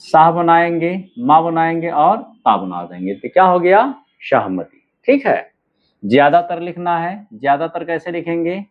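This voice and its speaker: Slow-talking male shorthand teacher, tinny sound. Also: on the high side, sing-song. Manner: slow, drawn-out words, frequent "ठीक है" and "है ना" checks. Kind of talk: shorthand lesson, spelling out word outlines. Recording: narrow phone-like sound.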